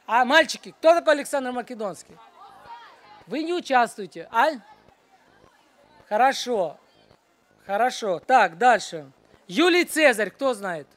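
Brisk woman hushing children at church. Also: on the high side, lively intonation, a faint crowd. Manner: brisk, keeps hushing a noisy group of children. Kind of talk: leading a Bible quiz, then a short sermon to children.

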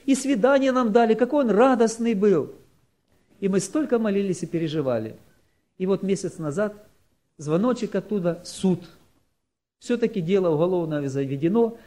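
A man preaching, telling a church testimony in a measured, narrative way. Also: high voice, warm tone. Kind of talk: sermon testimony storytelling.

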